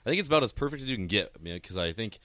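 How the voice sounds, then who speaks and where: A young man co-hosting a radio show and talking sports in a smooth, deep radio voice. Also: very animated, racing, pushed and bright, dry recording. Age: young adult. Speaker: radio co-host. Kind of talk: sports talk.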